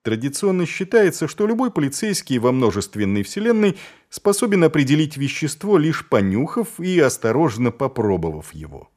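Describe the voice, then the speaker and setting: A man narrating an audiobook in a lively, expressive storytelling manner. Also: medium pitch, moderate pace. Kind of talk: scripted narration.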